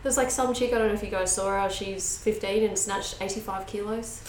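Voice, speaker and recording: A woman's voice: mid-range voice, steady tone, fairly quick. A woman co-hosting a casual chat, joking and blunt as she banters. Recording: echoey room, faint background noise.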